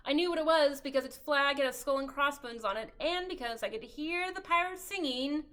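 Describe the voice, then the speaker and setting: Children's storytime reader, woman, high and bright, cheerful and animated. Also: brisk. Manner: cheerful, animated read-aloud to kids. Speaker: children's librarian. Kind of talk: children's storytime reading and singing.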